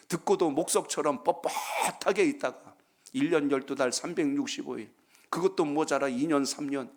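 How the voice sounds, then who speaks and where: A male pastor preaching in a church sanctuary through a pulpit microphone. His voice is husky, set at an ordinary middle pitch for a man. He moves between earnest exhortation with calls for amens and light, joking stories. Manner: preaching warmly, calling for amens, telling folksy jokes. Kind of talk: sermon at a Friday prayer meeting.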